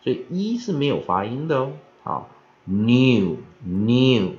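A man teaching English pronunciation, spelling out letters and repeating each word slowly three times, with many spoken fillers. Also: medium pitch, big pitch swings. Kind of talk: vocabulary pronunciation lesson. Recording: dull lo-fi recording.

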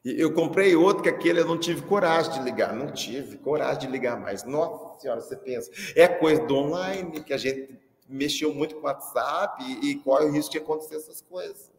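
A man with a Brazilian accent doing a comic monologue as a teacher, animated and repeating lines for effect. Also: a little high, brisk. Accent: Brazilian Portuguese. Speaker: comedian playing a teacher. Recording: echoey hall with long reverb.

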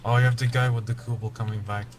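A man's voice: mid-range voice, flat delivery, quick pace, over music. Rambling American guy gaming with friends. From United States. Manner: rambling, self-mocking, trailing off mid-sentence. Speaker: gameplay commentator. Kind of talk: casual squad chat while gaming.

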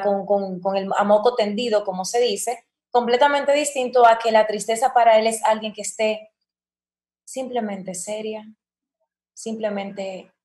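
Woman, voice coach, higher voice, animated explanations, roomy echoey sound. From Dominican Republic. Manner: expressive, acts out quoted examples. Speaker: guest voice-over coach. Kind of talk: conversational podcast interview. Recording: roomy echo.

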